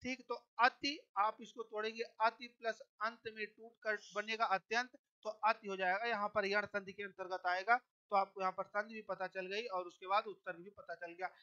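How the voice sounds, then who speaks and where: A man's voice: sits high, steady tone, moderate pace, few pauses, pushed and bright, clear, resonant tone. A male teacher giving an exam-prep lecture, explaining step by step and checking in with "okay" after nearly every point. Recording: dull lo-fi sound.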